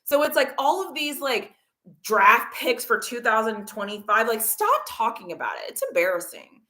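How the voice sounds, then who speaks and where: A woman's voice: fairly high pitch, big pitch swings, moderate pace, pushed and bright. A woman hosting a casual football livestream, talking to her chat in an emphatic, argumentative way. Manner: talks to chat viewers. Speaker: livestream host.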